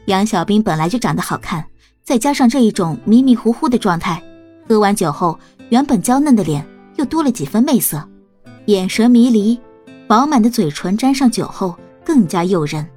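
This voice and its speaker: Calm woman reading a storybook. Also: medium pitch, moderate pace, slightly rough, soft background music. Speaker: audiobook narrator. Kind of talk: storybook narration.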